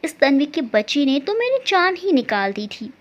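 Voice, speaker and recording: A woman's voice: sits high, sing-song, moderate pace, voice pushed down. A woman voicing a caring middle-aged mother who scolds her daughter fondly. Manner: fond scolding. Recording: dull lo-fi recording.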